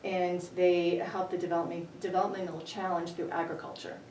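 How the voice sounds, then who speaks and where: A woman in her forties from New Hampshire answers interview questions in an earnest, measured way. Her fairly low voice echoes around a library room and sits well back from the microphone. A faint hum runs under the recording. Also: flat delivery, a little mellow, distant mic. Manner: earnest, measured, with many ums. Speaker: town budget committee candidate. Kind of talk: local candidate interview.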